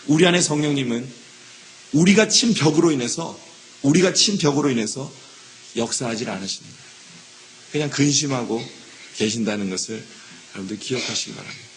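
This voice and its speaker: Korean pastor acting out quoted excuses. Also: male voice, mid-range voice, a little fast, pauses often, slight background noise. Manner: acts out quoted excuses in shifting voices; repeats key words, asks the congregation "예?". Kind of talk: sermon. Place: church sanctuary.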